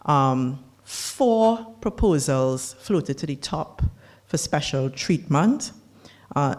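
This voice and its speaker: Slow, measured climate policy speaker. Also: mid-range voice, darkish tone. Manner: measured and deliberate, with dry asides. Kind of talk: formal policy briefing.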